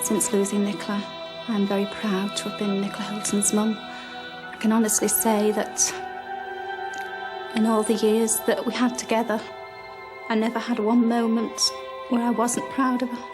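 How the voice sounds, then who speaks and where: A bereaved mother speaking softly and steadily in a documentary interview. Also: medium pitch, over music. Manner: soft, measured and steady.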